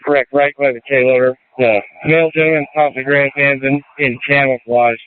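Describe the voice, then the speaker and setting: A man's voice: mid-range voice, steady tone, a little fast, smooth, dry recording. A man working as a security post officer, giving clipped, matter-of-fact reports over a two-way radio. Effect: heard over a two-way radio. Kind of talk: radio dispatch traffic. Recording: tinny dry radio transmission.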